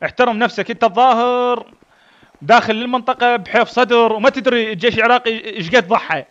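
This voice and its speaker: A man's voice: extremely high pitch, fast talker, fairly bright tone, lo-fi sound. A man with an Iraqi accent playing a defiant army colonel in a street confrontation skit, talking bluntly and barking commands. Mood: furious. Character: defiant middle-aged male army colonel.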